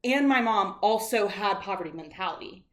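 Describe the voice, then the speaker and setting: A woman's voice: medium pitch, lively intonation, normal speed. Self-mocking woman in her thirties. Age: 30s. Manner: self-mocking, laughs often. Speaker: podcast co-host. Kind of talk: casual chat.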